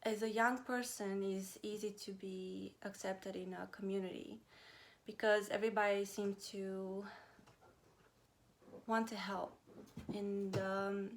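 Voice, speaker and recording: A woman in her thirties, originally from Romania, talking to her viewers in a casual personal vlog, pausing often with fillers. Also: medium pitch, flat delivery. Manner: hesitant, many pauses and fillers. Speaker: vlogger. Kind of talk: casual personal talk to camera.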